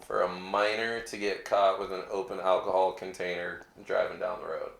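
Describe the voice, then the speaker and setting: A man's voice: low voice, flat delivery, normal speed, creaky, fairly bright tone, echoey room, a little hiss or hum. A man and parent talking bluntly and casually in a family conversation, swearing freely. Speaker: parent and co-host.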